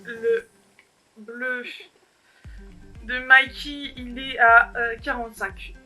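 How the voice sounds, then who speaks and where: A woman's voice: a little high, flat delivery, drawn-out words, sharp tone, soft background music. A young woman vlogger talking alone to the camera in a casual haul video, giggly and rambling, poking fun at herself. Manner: giggly, rambling, self-mocking. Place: alone at home.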